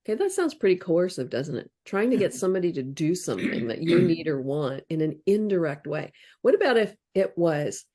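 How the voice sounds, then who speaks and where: A woman discussing relationship books as an interview guest speaks very animatedly and briskly, barely pausing, in a low voice with a dark tone. She gives practical, reflective relationship advice in casual explanatory talk, acting out example phrases.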